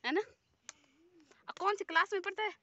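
Woman vlogger, teasing and bossy with kids, high voice, outdoor phone recording. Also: normal speed, sharp tone, lo-fi sound. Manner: teasing, scolding in a friendly way. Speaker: vlogger chatting with village children. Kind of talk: casual chat. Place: outdoors in a hill village.

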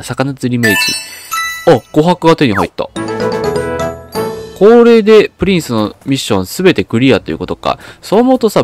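Young guy streaming a game, talky and bouncy, muttering along, faint game music behind. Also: fairly low pitch. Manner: chatty, reads game dialogue aloud and mutters to himself. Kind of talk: casual gameplay commentary.

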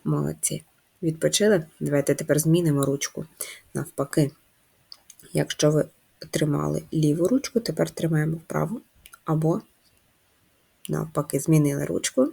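A woman's voice: low voice, gravelly, warm tone, husky. A woman teaching a first-grade handwriting lesson, patiently encouraging the children and guiding them step by step. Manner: slow sing-song chanting of a children's rhyme.

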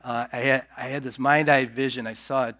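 A man's voice: mid-range voice, fairly even intonation, normal speed, pushed and bright. A man giving a personal testimony in a church sermon, talking conversationally with many fillers and restarts and acting out the voices of people he quotes. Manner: acts out quoted speech and gestures. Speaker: church member sharing testimony. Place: church sanctuary.

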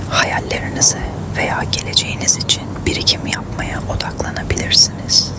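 A narrator reading a script in a hushed, breathy ASMR whisper, quiet as if late at night.

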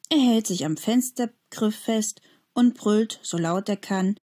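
A woman reading a children's story aloud, calm and expressive. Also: medium pitch, takes it slowly.

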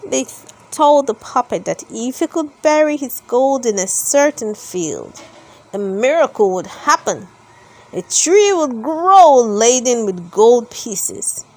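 Reading a children's storybook aloud, a woman with a fairly high-pitched voice tells the tale in a deliberate, expressive way.

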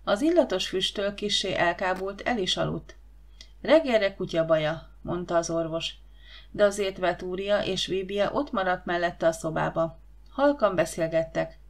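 A woman reading an audiobook in calm, even storytelling narration. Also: lowish voice. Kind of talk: scripted narration.

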